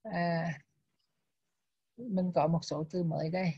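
A woman teaching a Buddhist text lesson, reading English terms and drilling their pronunciation slowly and deliberately. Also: lowish voice, slightly rough, no room sound. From Vietnam. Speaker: Abhidhamma teacher. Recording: dull lo-fi, dry sound.

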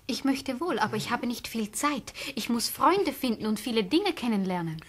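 An earnest, curious little prince from a classic radio play, asking childlike questions in a fairly high, bright voice, as a woman plays the boy. Sincere and open in every line. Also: animated, moderate pace, breathy edge.

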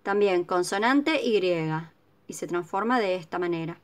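A woman's voice: medium pitch, expressive, moderate pace. A woman explaining an English lesson patiently, often checking in with her students. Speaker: English teacher. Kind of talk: recorded video lesson.

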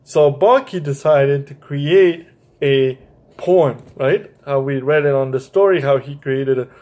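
In a small, bright room, a young man reads a children's picture book aloud a little slowly and adds casual commentary, frequently tripping over and repeating his words. His voice is fairly high and a bit mellow, and the audio sounds dull.

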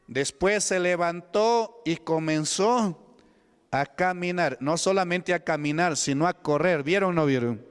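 Peruvian preacher guy, pushy questions to the crowd, clear ringing voice, big echoey church. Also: on the high side. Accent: Peruvian Spanish. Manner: emphatic, calls out to the congregation. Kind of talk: evangelical sermon. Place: church hall. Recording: long hall reverb.

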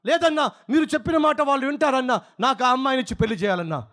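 A man's voice: extremely high pitch, racing, fairly bright tone, voice pushed up. A man voicing a pleading young male drunkard who begs in a whining way.

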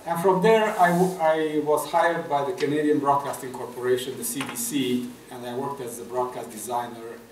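A man's voice: mid-range voice, steady tone, normal speed, few pauses, darkish tone, a little hiss or hum. A middle-aged man from Romania, a guest artist, talking hesitantly with many fillers at a festival table talk. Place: room with a table, audience. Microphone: table mic on stand. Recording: echoey room, far from mic.

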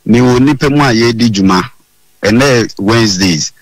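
A Ghanaian pastor calling in to a radio show, evasive and pleading, with repeated polite apologies. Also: male voice, medium pitch, moderate pace, no echo. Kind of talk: phone-in call.

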